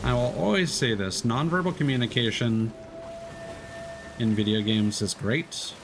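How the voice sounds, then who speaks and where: A streamer with a mid-range, slightly slow voice chats casually about his game while playing, rambling, correcting himself mid-sentence, and swearing mildly. Game music plays behind him.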